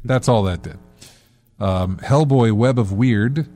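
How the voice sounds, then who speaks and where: A man's voice: medium pitch, slow pace, mellow, soft background music. A man hosting a casual gaming podcast, rambling and correcting himself with lots of fillers. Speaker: podcast host.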